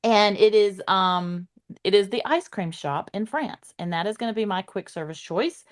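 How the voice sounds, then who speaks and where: A woman's voice: mid-range voice, normal speed. A woman with a thick Southern US accent chatting casually as a panelist. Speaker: panelist in a theme park draft game. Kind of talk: casual chat.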